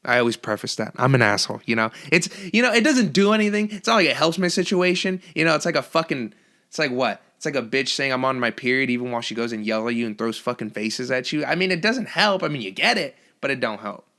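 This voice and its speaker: A man's voice: mid-range voice, expressive, quick pace, sharp tone. A young man hosting a solo podcast, ranting casually and profanely with lots of restarts. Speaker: podcast host.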